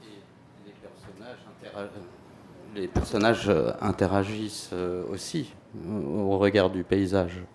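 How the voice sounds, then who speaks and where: A man giving a reflective, measured and hesitant answer at a press conference. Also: low voice, level tone, a little mellow.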